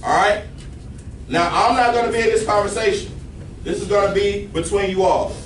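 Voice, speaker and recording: A man with a high voice speaks at normal speed while giving his class instructions, frequently checking in with "all right?" The large classroom is heard from a far-off camera at the back, so the sound is echoey and noisy.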